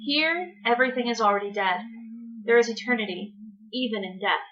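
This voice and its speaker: A gentle male god of the underworld, put on by a woman, murmurs low and even in a dramatic story reading. His tone is hushed and loving, with a bright edge underneath. The recording is dull and lo-fi. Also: a little fast. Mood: tender.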